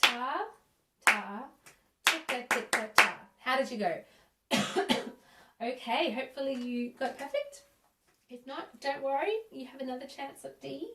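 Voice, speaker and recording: A woman's voice: sits high, moderate pace, heavy background noise. Encouraging woman music teacher, echoey room. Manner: encouraging, counts in and praises. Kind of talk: children's music lesson. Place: room at home. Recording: echoey room, a bit distant.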